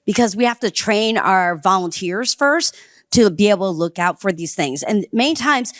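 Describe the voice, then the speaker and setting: Female panelist, enthusiastic explainer, mid-pitched, dry close recording. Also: expressive, moderate pace, a bit bright, no room sound. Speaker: panelist from a civic organization. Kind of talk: panel discussion.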